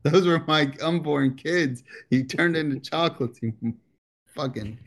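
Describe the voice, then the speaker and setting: A man voicing a foul-mouthed vengeful Easter bunny gunman, making drawn-out profane threats. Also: on the high side, creaky. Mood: threatening.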